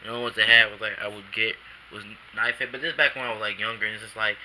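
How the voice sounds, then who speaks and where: Guy rambling thru a figure review on his camcorder, super bright tone, kinda sleepy, faint hiss behind. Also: fairly low pitch, fairly even intonation, fast, low-quality recording. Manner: rambling, self-correcting, casual slang. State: drowsy after a nap. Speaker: toy reviewer. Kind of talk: casual figure review vlog.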